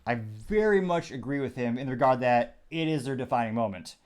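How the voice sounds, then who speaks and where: A man's voice: mid-range voice, lively intonation, brisk, a little mellow. Man, show host, casual commentary, chatty, wry, sarcastic asides.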